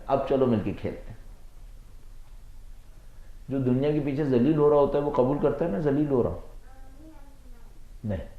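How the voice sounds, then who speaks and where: A man with a Pakistani Urdu accent giving a religious lecture as a cleric, telling anecdotes slowly and asking rhetorical questions. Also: mid-range voice. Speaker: Shia cleric. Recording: echoey, dull lo-fi lecture recording.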